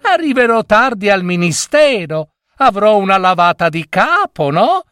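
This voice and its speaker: A man voicing a cheerful middle-aged woman office clerk in a storybook reading, talking in a gushing, high, drawn-out way. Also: sing-song, a bit bright, smooth, no echo, studio quality, heavily acted. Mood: delighted.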